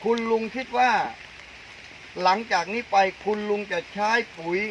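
A man's voice: high voice, measured pace, muffled recording, a little hiss or hum. A man interviewing a farmer for a promotional video, eager and repeating the answers back, outdoors in a coconut orchard in the rain. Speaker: interviewer, fertilizer brand owner.

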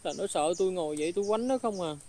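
A woman's voice: on the low side, lively intonation, racing, mellow, slight background noise. A middle-aged woman with a Southern Vietnamese accent telling her own story in a ghost film, indignant and aggrieved. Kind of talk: first-person dramatic storytelling.

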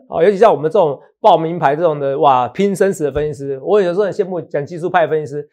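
A man's voice: a little high, fast talker, darkish tone. A middle-aged man with a Taiwanese Mandarin accent hosting a stock market show in a chatty, teasing way, often checking in with his co-host. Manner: chatty, teasing, jokes and laughs often, asks "好不好". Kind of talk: casual market talk show chat.

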